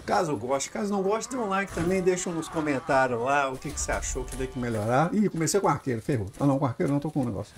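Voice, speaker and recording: Excitable Brazilian man, lively high voice. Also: quick pace, hardly any pauses, soft background music. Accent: Brazilian Portuguese. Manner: excitable, swears, yells in fights. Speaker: gaming YouTuber. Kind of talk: casual gameplay commentary.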